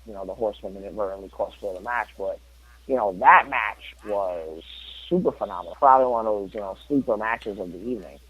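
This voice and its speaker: A man's voice: lowish voice, fast talker, fairly bright tone, slightly rough, dry recording, poor audio. A man co-hosting a podcast in casual chat, rambling with lots of fillers. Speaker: podcast co-host.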